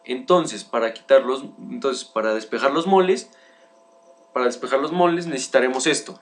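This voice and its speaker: A young man, a student, works through chemistry exercises aloud in a methodical way, often restarting his phrases. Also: mid-range voice. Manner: methodical, starts many sentences with "bien", restarts often. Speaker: student presenting homework.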